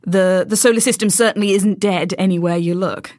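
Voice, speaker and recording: A woman's voice: medium pitch, steady tone, a little fast, darkish tone, dry recording, clean studio sound. A woman explaining space science in casual chat, with many ums and restarts.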